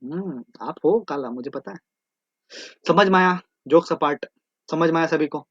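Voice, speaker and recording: A man's voice: on the high side, moderate pace, slightly rough, no echo, muffled recording. A man teaching an online exam-prep class, drilling terms by repetition and joking between them. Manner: repeats terms in chanted drills, jokey asides.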